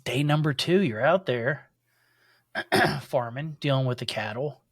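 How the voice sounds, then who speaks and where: A man's voice: medium pitch, measured pace, a bit bright, no echo, clean studio sound. A man chatting and telling a story casually as a podcast co-host.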